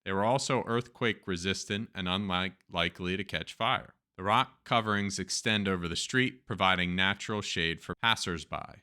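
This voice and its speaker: News stories are read aloud by a male host with a Turkish accent, who then adds playful, chatty comments. His voice sits low and sounds bright, forceful, and clean, at a normal speed with hardly any pauses.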